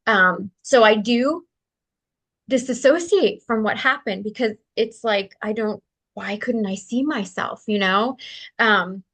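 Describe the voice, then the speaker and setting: A woman's voice: medium pitch, slow pace, fairly bright tone. A woman who is a guest in an interview, telling a personal story in an earnest, open way, with light laughs and fillers. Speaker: interview guest, spiritual practitioner.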